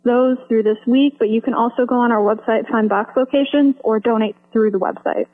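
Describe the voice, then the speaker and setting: A woman's voice: a little high, fairly even intonation, fairly quick. A young woman from the Midwest on the phone, earnestly answering a radio interview about her charity drive. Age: young adult. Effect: over the phone. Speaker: charity organizer guest. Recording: tinny phone line.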